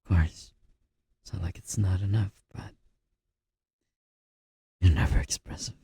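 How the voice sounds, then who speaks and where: A man doing a whispered role-play as a comforting boyfriend, speaking in a soft, breathy, intimate murmur with a husky, gravelly edge, close to the microphone. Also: deep voice, fairly even intonation, slight background noise. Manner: slow, gently reassuring boyfriend-style comforting.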